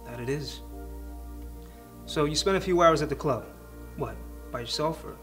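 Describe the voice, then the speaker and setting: A man's voice: fairly high pitch, normal speed, a bit bright, faint music behind, close to an everyday voice. A man in his thirties acting as a tough, sardonic police detective, blunt and probing in a naturalistic interrogation scene. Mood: dry probing.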